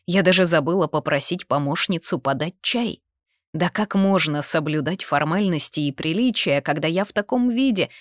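A woman narrating a first-person fantasy romance audiobook, expressive and intimate. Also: low voice, dry recording, clean studio sound.

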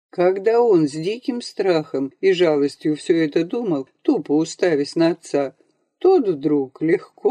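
A reader narrating a literary audiobook in an expressive, measured way. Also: mid-range voice, no echo.

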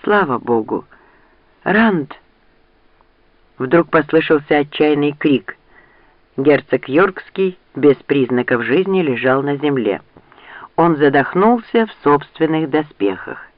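A man reads a novel aloud in a steady storytelling manner. His voice sits a touch high, and the recording is close, dry and slightly dull. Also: a little slow, no echo. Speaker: audiobook narrator. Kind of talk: scripted narration.

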